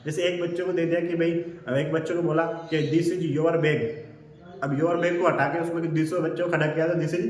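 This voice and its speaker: A man's voice: a little high, flat delivery. Man teaching in a very echoey room. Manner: repeats each point several times; reads English lines slowly, then explains. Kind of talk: exam-prep lecture. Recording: very echoey room, faint background noise.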